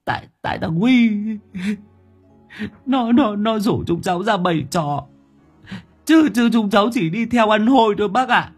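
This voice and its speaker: A man's voice: high-pitched, lively intonation, measured pace, slightly rough, soft background music, voice pushed up, exaggerated voice. A man voicing a frightened village boy who stammers and begs. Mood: begging. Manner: stammering, pleading.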